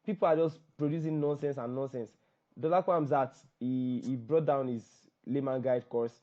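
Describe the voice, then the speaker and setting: A man answering questions in an online copywriting class, talking fast and repeating phrases, over a video call. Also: medium pitch, steady tone, dark tone, highs cut off. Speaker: guest copywriting teacher.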